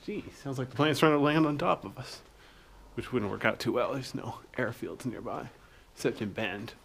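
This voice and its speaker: A man's voice: medium pitch, moderate pace, creaky, a little hiss or hum. A man exploring a lava tube cave and filming himself, muttering casual asides as he goes. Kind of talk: casual vlog narration.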